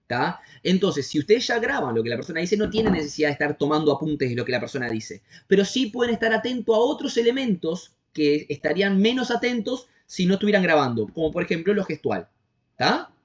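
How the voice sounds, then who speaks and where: A man with a Uruguayan accent teaching an online class, explaining step by step and often checking that his students are following. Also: on the high side. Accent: Uruguayan Spanish. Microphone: video call. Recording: dull lo-fi video call audio.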